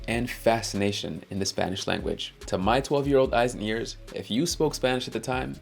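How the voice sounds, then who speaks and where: A young Haitian man whose first language is Haitian Creole tells his own story in an earnest, upbeat scripted narration for his language-learning YouTube channel. His voice is lowish, gravelly and somewhat dark.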